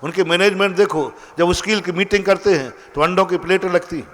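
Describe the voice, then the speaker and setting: A man's voice: sits high, quick pace. A man preaching a sermon as a monk, emphatic and full of rhetorical questions to his listeners. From India.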